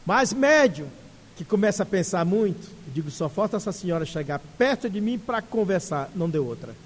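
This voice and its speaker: A man with a Brazilian Portuguese accent giving a spiritist lecture and telling a story with animated humor. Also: high voice, a little fast. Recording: echoey hall.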